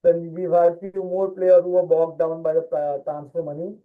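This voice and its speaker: A man's voice: fairly high pitch, completely flat delivery, normal speed. A man co-hosting a casual football chat, talking with many fillers and restarts. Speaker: podcast co-host. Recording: tinny phone-like line.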